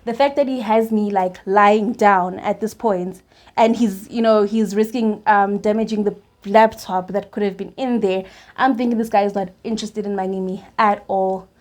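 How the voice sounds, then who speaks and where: A young South African woman with a South African accent, telling a personal story in a storytime vlog, animated and laughing often between restarts. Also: medium pitch, moderate pace. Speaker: YouTuber.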